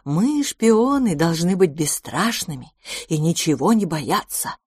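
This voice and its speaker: Woman doing a slow stiff foreign spy guy, solemn, broken grammar. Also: fairly low pitch, sing-song, darkish tone, breathy edge, no room sound, clean studio sound, exaggerated voice.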